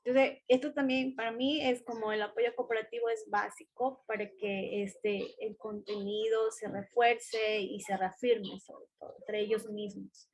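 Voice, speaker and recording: Woman, slightly high voice, calm teacher reflecting in a casual discussion. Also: a little slow, hardly any pauses.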